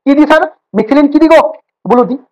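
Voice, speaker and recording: Fast-talking, teasing male teacher. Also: very high-pitched, a little mellow, lo-fi sound. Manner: teasing, joking banter with students; rapid, repetitive explaining with fillers. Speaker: biology teacher. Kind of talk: casual online class lecture.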